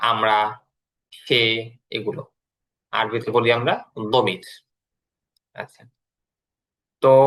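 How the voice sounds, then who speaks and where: A man teaching an online English class, explaining slowly and repeating words as he goes. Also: medium pitch, pushed and bright, poor audio.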